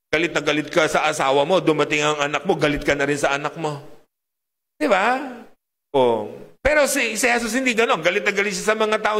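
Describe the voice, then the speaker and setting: A man preaching a sermon in a lively, rhetorical way, often putting questions to his congregation. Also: sits high, long reverb tail.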